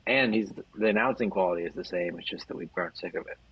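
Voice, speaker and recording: A man co-hosting a casual sports podcast, speaking in a thoughtful, hedging, soft-spoken way. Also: low-pitched, quick pace, slight background noise. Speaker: podcast co-host. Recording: dull lo-fi mic.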